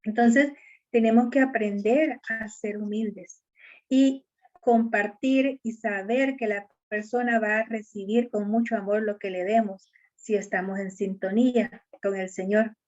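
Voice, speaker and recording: A woman's voice: mid-range voice, fairly even intonation, a little slow, a little mellow. A woman giving an earnest, conversational sermon and addressing her listeners as sisters. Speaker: preacher at a women's church meeting. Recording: dull lo-fi recording.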